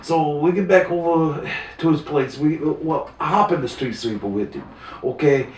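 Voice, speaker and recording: A man telling a story in a casual, rambling, profane way, full of halting restarts. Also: fairly high pitch, distant mic, a little hiss or hum. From New York City. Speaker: storyteller guest. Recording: roomy sound, voice away from the mic.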